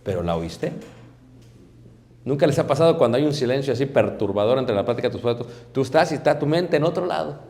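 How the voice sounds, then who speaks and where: A man preaching a sermon, swinging between loud emphatic bursts and quiet asides. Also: medium pitch, expressive, fast. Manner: acts out everyday dialogue in other voices.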